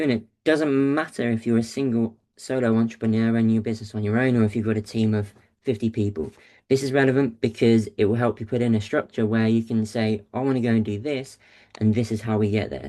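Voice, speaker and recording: Mellow-voiced man hosting a webinar. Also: fairly low pitch. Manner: casual, upbeat presenter with fillers. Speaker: webinar host, agency founder. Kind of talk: presenting a business webinar.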